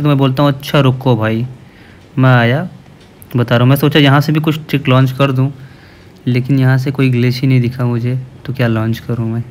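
Casual male gaming commentator. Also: mid-range voice. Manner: casual, explanatory, addresses viewers as "bhai". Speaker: gaming channel host.

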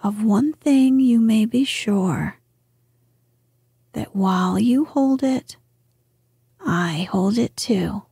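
A woman voicing a gentle, wise and very old grandmother in a slow, hushed whisper, reading a storybook. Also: on the high side, husky, no echo, studio quality, exaggerated voice. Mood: gentle assurance. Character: ancient wise grandmother lady, gentle and calm.

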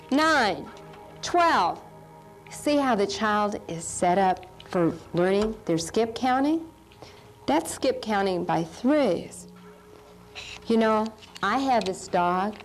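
A woman's voice: mid-range voice, expressive, slow pace, a little mellow, soft background music, low-quality recording. A middle-aged woman presenting a simple children's math lesson, putting questions to the viewer as she demonstrates. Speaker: math teacher presenting an instructional video.

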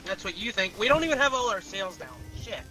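A young player talking over voice chat in a game, excitable and quick to yelp or swear. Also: medium pitch, soft background music. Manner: excitable, yelps and swears in alarm. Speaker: gamer in voice chat. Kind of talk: casual gaming banter.

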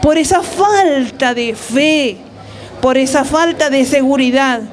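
An older Chilean woman with a Chilean accent and a high voice, speaking in an earnest, pleading way. Several handheld mics are held to her mouth, and a lively crowd is heard around her in an outdoor plaza. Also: slow pace. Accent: Chilean Spanish. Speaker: guest speaking on street radio. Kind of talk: emotional public appeal.

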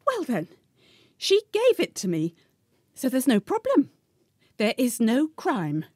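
A woman's voice: high voice, wildly swooping pitch, slow pace, a little mellow, no echo, studio quality, full character voice. An actress playing a fragile, confused woman in her fifties in a period radio drama, plaintive and easily wounded. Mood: wary. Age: 50s. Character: fragile, confused older spinster, touchy and withdrawn. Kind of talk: 1940s-set radio drama acting.

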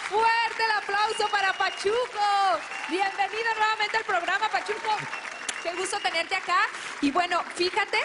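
A woman's voice: extremely high pitch, steady tone, normal speed, over a noisy crowd, very noisy. A woman co-hosting a TV variety show, announcing an act and the next segment in an upbeat way. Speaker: co-host. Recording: loud music and a cheering studio audience.

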